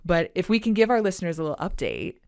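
A woman co-hosting a podcast, talking in a loose, chatty way full of fillers and restarts. Her voice sits on the lower side, and the recording is dry and close, with no room sound. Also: quick pace, vocal fry, clean tone, dry recording. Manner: chatty, animated storytelling with many fillers. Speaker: podcast co-host. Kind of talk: casual chat.

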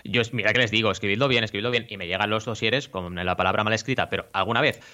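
A man co-hosting a casual podcast chat, explaining news in a quick, animated way. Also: on the low side. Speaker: podcast co-host; teacher.

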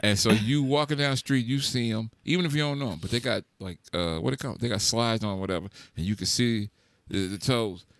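A young adult man hosting a casual chat, teasing his co-hosts in an animated, slangy, profane way. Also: fairly low pitch, a little fast, no room sound. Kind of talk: casual banter.

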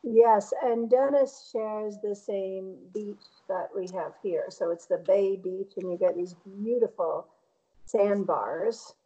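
A woman's voice: mid-range voice, slow, mellow, low-quality recording. A middle-aged woman from Connecticut with a New England American accent, chatting reflectively in a casual interview. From Connecticut, United States. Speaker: painter interviewed as guest.

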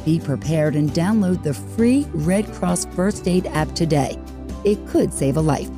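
Woman reading a radio health tip, lowish voice, music playing behind her. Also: lively intonation, measured pace. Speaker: health segment presenter. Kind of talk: scripted radio health spot.

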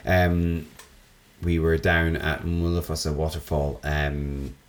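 A man co-hosting a podcast, telling stories in a chatty, excitable way and laughing often. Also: a bass voice, takes it slowly. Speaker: podcast co-host. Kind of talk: casual chat.

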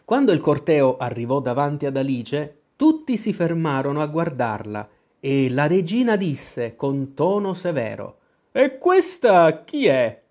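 A narrator reading a children's classic aloud in scripted, expressive storytelling. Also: mid-range voice, a little slow. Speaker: audiobook narrator.

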